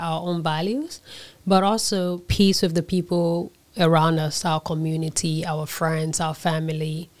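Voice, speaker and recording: A young adult woman from Liberia answering interview questions in a thoughtful way, pausing often and correcting herself as she goes. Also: fairly low pitch. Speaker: interview guest, conference organizer.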